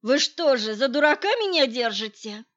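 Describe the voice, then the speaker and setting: A woman's voice: sits high, expressive, moderate pace, fairly bright tone, dull audio. A woman reading the lines of a stubborn man who refuses to share what he knows, indignant and defensive. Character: stubborn middle-aged man guarding his secret.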